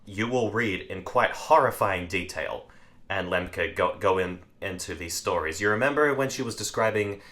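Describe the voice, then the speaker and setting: Young male podcast co-host: low, forceful voice, lively and direct with the audience. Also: moderate pace. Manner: animated, addresses viewers directly. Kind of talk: casual discussion.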